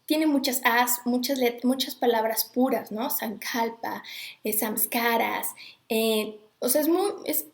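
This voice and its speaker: A woman's voice: on the high side, slow pace, reverberant. A woman talking casually to viewers, chatty and digressive, stopping to greet people as she goes. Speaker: host. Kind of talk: casual live talk on Sanskrit recitation.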